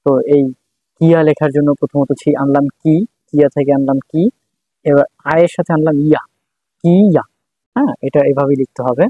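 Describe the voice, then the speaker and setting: A man's voice: fairly high pitch, steady tone, quick pace, no room sound, phone-quality sound. A man teaching a writing lesson, patiently repeating syllables one by one as he writes. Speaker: language teacher.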